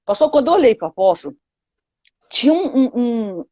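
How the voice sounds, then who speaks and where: A woman's voice: on the high side, very animated, moderate pace, dark tone, dry recording, dull audio. A woman with a Brazilian Portuguese accent telling her testimony to a pastor in an interview, acting out quoted dialogue with lots of 'sabe?'. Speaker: guest giving a testimony.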